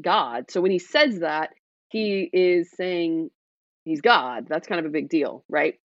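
A woman hosting an online Bible discussion, talking through scripture in a relaxed, chatty way, with frequent fillers and "right?" tag questions. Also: lowish voice, slow pace, no echo, lo-fi sound. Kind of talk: casual scripture commentary.

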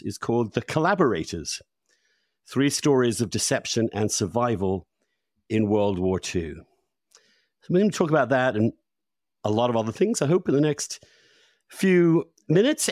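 A podcast host introduces his guest and keeps jumping in with eager follow-up questions in a conversational interview. His mid-range voice has a darkish tone, recorded at studio quality with no room sound.

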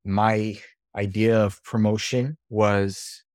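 Low-pitched man as a podcast guest, sales coach, animated storyteller with casual swearing, dry close sound. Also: takes it slowly, no echo.

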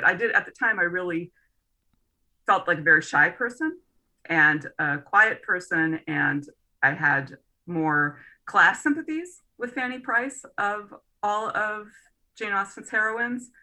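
Middle-aged female guest, low pitch, very bright tone, animated storyteller who laughs often. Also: unhurried, poor audio. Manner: animated anecdote-telling with frequent laughs and restarts. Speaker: guest, literary scholar. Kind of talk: conversational interview storytelling.

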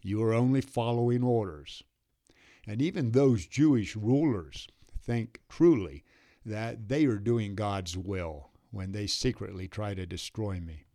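A calm, earnest male teacher speaks gently and solemnly, as a narrator reads his words. The voice is low-pitched and unhurried, drawn out slowly.

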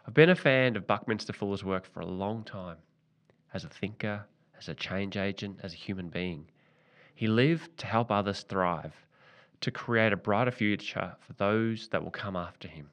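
A man reading a scripted, reflective personal essay as a podcast host, measured and deliberate, slowing down for emphasis. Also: fairly low pitch, fairly bright tone.

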